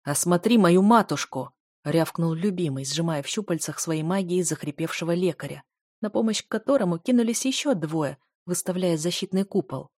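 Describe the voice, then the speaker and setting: A woman's voice: lowish voice, fairly quick, darkish tone, no room sound, clean studio sound. Woman narrating a fantasy audiobook.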